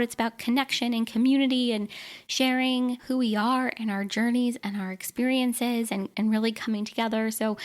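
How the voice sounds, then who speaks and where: Woman podcast host, bright and enthusiastic, higher-pitched voice. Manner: upbeat, enthusiastic.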